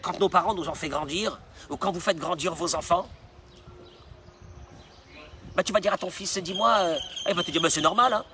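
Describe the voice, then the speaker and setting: A man's voice: sits high, moderate pace, pauses often, sharp tone, a little hiss or hum. A man, a rabbi, preaching a sermon in an emphatic way, repeating phrases for stress.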